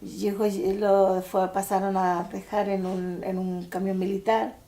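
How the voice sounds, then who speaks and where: An older woman with a Chilean accent, recalling events in halting testimony with many restarts. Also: medium pitch, level tone, warm tone. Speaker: interviewee. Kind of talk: personal testimony for a documentary.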